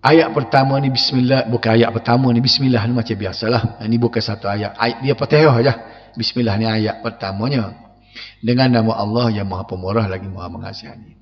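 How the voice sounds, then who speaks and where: A man with a Kelantanese Malay accent giving an evening mosque lecture on Quran verses, lively, laughing and questioning his listeners. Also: mid-range voice, fairly quick. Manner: lively, laughing, acts out quoted voices, questions the audience. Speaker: religious lecturer. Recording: muffled recording with long reverb.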